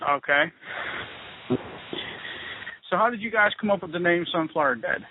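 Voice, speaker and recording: A man's voice: sits high, normal speed. A man interviewing a guest over the phone for a magazine, laid-back and chatty. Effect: heard over a phone line. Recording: tinny phone line with hiss.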